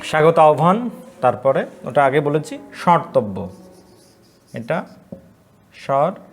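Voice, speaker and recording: A man from Bangladesh gives an online college lesson on pronunciation, sounding each word out slowly and often twice. His voice sits a little high for a man. He poses questions to the class and answers them himself, over a faint hiss in the background.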